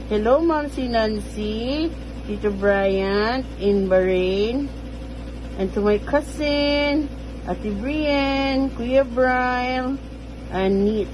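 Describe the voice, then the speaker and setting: A baby boy greeting his faraway family, voiced by a woman, in a slow, unhurried sing-song. Her voice sits a little high, with steady household noise behind it. It is a plain home video recording. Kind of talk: speaking for a baby in a family vlog.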